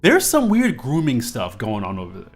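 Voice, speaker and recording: With huge swings in pitch around a mid-range voice, a man in his twenties chats at a moderate pace while drawing on a live stream. He rambles casually, restarting often and using lots of fillers, over faint background music.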